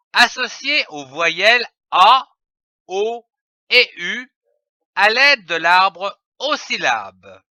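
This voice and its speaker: A man giving a scripted reading lesson for young children, slowly spelling out letters and syllables. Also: sits high, sharp tone, no echo, studio quality. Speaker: reading teacher.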